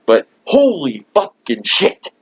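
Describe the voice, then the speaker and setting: A wrestling show reviewer rants from a room at home in a fairly high, breathy, fairly bright voice, drawing out words slowly and swearing nearly constantly. He sounds fed up, laughs mockingly, and his pitch swings wildly. The audio is dull and lo-fi, like a cheap home mic.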